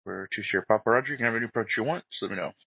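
A man's voice: lowish voice, very fast, creaky, sharp tone, breathy edge, no room sound. A man giving clipped, procedural air traffic control instructions over radio in a flight simulation. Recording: dry, dull band-limited radio audio.

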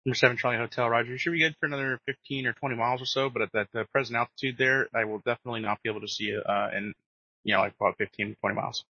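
A man's voice: medium pitch, steady tone, rapid-fire, bright, forceful tone, no room sound. A man giving procedural instructions as an air traffic controller over radio. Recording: muffled dry aviation radio.

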